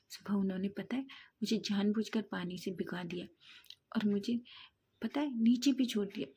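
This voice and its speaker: A woman voicing an indignant, easily angered young man in a read-aloud story, scolding in rapid bursts. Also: mid-range voice, dark tone, husky. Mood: annoyed. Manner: scolding, rapid-fire complaints.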